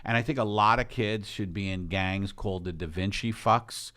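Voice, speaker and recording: A man's voice: on the low side, normal speed, fairly bright tone. A middle-aged man hosting a casual comedy podcast, rambling through mock-serious, sarcastic riffs. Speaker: podcast host.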